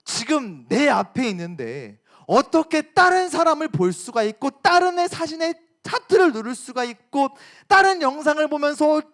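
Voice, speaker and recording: A hurt teenage girlfriend, as a male preacher puts her on, pleading and accusing in a high, swooping voice. She scolds her boyfriend for looking at other girls. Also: sing-song, normal speed, darkish tone. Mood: indignant.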